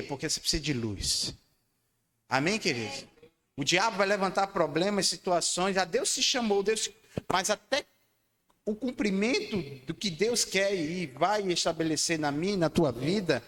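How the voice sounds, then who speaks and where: A man preaching a sermon, asking his congregation to repeat lines back to him. He swings between loud, high declarations and low, quiet lines. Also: animated, a little slow. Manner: emphatic, calls for congregation responses. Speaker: pastor. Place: church hall. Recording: long church hall reverb.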